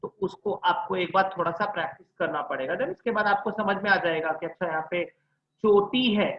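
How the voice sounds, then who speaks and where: A man's voice: sits high, a little fast. A man tutoring an online class, drilling letter sounds one at a time and checking in with his students. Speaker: Hindi tutor. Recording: echoey, dull lo-fi room sound.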